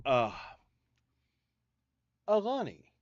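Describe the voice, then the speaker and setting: A man's voice: high voice, huge pitch swings, very slow, no room sound, highs cut off. A man with a mountain North Carolina accent, chatting casually with viewers on a livestream and thanking them by name. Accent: Southern US, North Carolina mountains.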